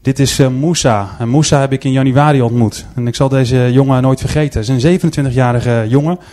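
In a church-style presentation, a man talks a gathered audience through pictures on a screen. His stories come across earnestly, in a middle-pitched, dark-toned voice, and he often pauses on hesitant filler sounds.

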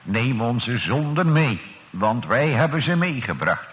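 A man leading a slow, solemn church prayer and sermon as pastor, addressing God in archaic, formal words. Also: medium pitch, very animated. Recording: old radio broadcast, tinny, echoey church.

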